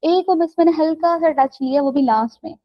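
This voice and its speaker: Speaking briskly in a high register, a woman runs an online English class, walking through the material step by step and confirming understanding with "right?" and "theek hai." Her recording sounds dull and has no room sound.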